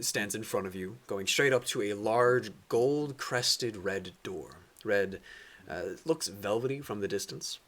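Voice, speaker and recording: Low-ish male game master, descriptive, filler-heavy narration. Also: a bit bright.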